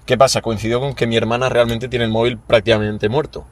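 A man's voice: medium pitch, fast. A young man with a Spanish accent, a podcast host telling stories in casual chat with lots of slang. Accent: Spain Spanish. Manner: animated storytelling with slang.

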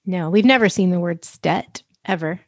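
A woman's voice: on the low side, moderate pace, dry recording, clean studio sound. A woman co-hosting a podcast, chatting casually with wry, joking remarks. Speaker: podcast co-host.

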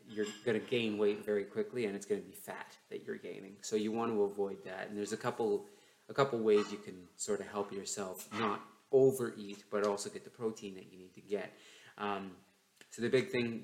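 A man hosting a casual solo podcast, his enunciation slightly stiff from a sore, numb jaw. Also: fairly low pitch. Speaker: podcast host. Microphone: newly bought microphone, not laptop mic. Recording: roomy, echoey home microphone recording.

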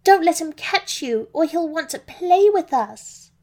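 A woman's voice: very high-pitched, animated, unhurried, darkish tone, pitched above the performer's own voice. A woman voicing a bossy little girl pig who shrieks and squeals. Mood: disgusted.

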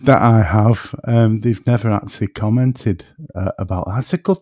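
With a fairly low, mellow voice at a moderate pace, this northern English podcast guest from between Manchester and Liverpool chats casually. He tends to ramble, put himself down, and wander off topic. The sound is clean studio audio without room noise.

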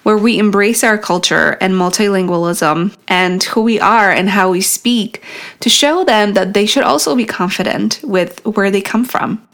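A woman's voice: mid-range voice, fairly bright tone. A woman hosting her own podcast, talking alone in an earnest, encouraging way. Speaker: podcast host. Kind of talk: solo podcast monologue.

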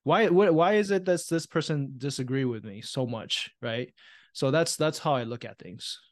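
Interview guest, male, thirties, from Taiwan. Reflective, conversational, mid-pitched. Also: normal speed. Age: 30s. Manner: reflective, often asks "right?". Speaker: guest, real estate investor. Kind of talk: casual interview chat.

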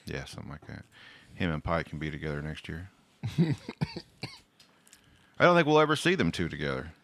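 A man's voice: extremely low pitch, animated, moderate pace, creaky, fairly bright tone. A man hosting a podcast, reading out listener calls in a loose, joking way and swearing freely. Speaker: podcast host. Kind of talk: casual podcast chat.

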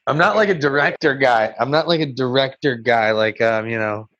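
A male podcast guest talks casually and haltingly, often sounding unsure. His mid-pitched voice comes through slightly muffled, low-fidelity audio. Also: a bit bright. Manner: hesitant, unsure. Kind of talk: casual chat. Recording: dull lo-fi microphone sound.

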